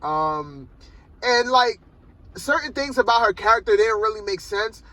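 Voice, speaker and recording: A man talks through a film review in a laid-back, meandering way, leaning on "like" and "man" as he goes. His voice sits high and has a sharp, bright edge. He is recording from the driver's seat of his car. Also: measured pace, poor audio. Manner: rambling and loose, peppered with "like" and "man". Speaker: movie reviewer. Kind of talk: casual spoken film review. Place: inside a parked car.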